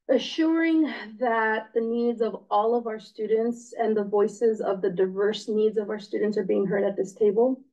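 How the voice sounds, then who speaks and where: A woman's voice: mid-range voice, warm tone. A woman, a returning committee member and parent, introducing herself at a public meeting in an earnest, articulate way. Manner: earnest, articulate with some uhs. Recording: muffled meeting-room recording.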